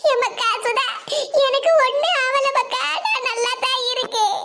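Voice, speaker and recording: A woman puts on a grieving old village grandmother from a cartoon, who speaks in a piercing, very high voice with a Kanyakumari Tamil accent. She wails and blames herself over and over, fretful and tearful. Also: a little slow, background noise. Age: over 70 (figure). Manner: lamenting, self-blaming. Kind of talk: animated comedy voice acting.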